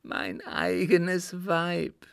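A man voicing a gravelly dying old father. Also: medium pitch, fairly bright tone, no room sound, studio quality, voice pushed up, full character voice. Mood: anguished. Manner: halting, heavy, pleading. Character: dying old father confessing a murder, anguished.

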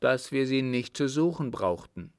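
A man's voice: medium pitch, lively intonation, a little slow, no echo, studio quality, pitched above the performer's own voice. A man voicing a curt village innkeeper who answers bluntly and dismissively.

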